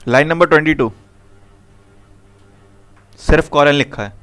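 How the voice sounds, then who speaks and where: Clear-voiced man teaching a coding class. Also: a little high, unhurried, a bit bright, soft background music. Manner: coaxing, repeats questions to the class. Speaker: programming teacher. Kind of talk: live classroom coding lesson.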